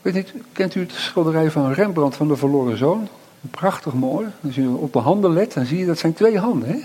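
Husky middle-aged male preacher. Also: on the high side, animated, dark tone. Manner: reflective, slow emphatic pauses with frequent tag questions. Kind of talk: sermon.

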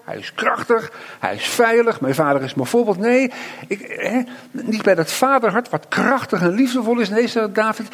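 Husky middle-aged male preacher. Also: sits high. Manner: reflective, slow emphatic pauses with frequent tag questions. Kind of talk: sermon.

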